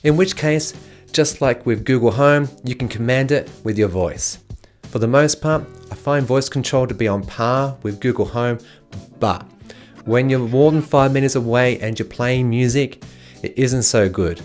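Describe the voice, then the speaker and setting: A man's voice: medium pitch, measured pace, darkish tone. Man reviewing gadgets over music. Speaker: tech reviewer and video host. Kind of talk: casual product review narration. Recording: music playing behind the voice.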